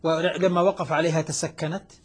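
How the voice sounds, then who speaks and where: A man explaining Quran recitation rules as a teacher on a broadcast, demonstrating pronunciations in a measured way. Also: a little high, flat delivery, slightly rough.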